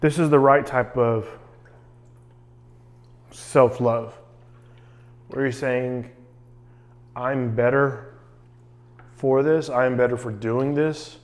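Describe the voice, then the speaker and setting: A man's voice: mid-range voice, steady tone, slow pace, long pauses. A man recording a casual personal vlog, talking in an earnest, reflective way. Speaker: vlogger documenting a cold plunge challenge.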